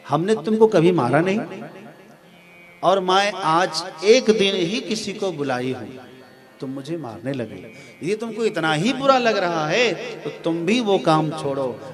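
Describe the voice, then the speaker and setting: A man voicing a neglected young wife who pleads with and reproaches her husband, over music. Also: sits low. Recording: music playing behind.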